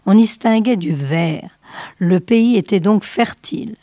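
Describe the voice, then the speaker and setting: Woman, novel reading aloud, measured, expressive, mid pitch, dry close sound. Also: dry recording. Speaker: reader.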